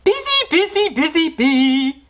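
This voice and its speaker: Storybook Santa played by a woman: exuberant, booming, slow delivery with animated, leaping pitch. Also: heavily acted. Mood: jolly singing. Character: jolly, noisy, excitable male Santa Claus.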